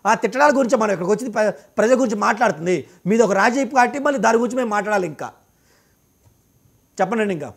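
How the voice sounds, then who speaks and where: A man's voice: high-pitched, expressive, husky. A man arguing hard in a political TV debate, firing rhetorical questions at his opponent. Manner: combative, rapid-fire rhetorical questions. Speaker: debate panelist.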